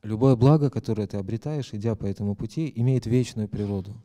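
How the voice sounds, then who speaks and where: A man's voice: fairly low pitch, quick pace, dark tone. A man interpreting a lecture live, hesitant, with many fillers and self-corrections.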